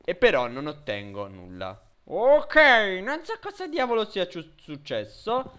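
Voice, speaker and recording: A man commenting on his own game in an excitable, high-pitched voice. He talks slowly and swings wildly between shouting and muttering, with a hugely lively pitch. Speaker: gamer. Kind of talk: let's play commentary.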